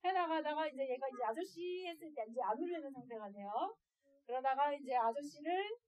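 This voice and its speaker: A woman speaking as an adoptive mother to other parents, telling stories in a lively way and often laughing. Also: high voice, brisk. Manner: lively, acts out quoted voices and laughs often. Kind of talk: storytelling lecture to parents.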